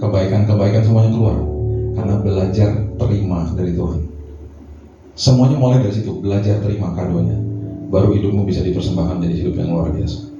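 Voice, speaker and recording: A middle-aged man, a pastor, preaching a lively sermon full of slangy asides and rhetorical questions. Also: low voice, quick pace. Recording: echoey hall from a distant mic, dull sound, music behind.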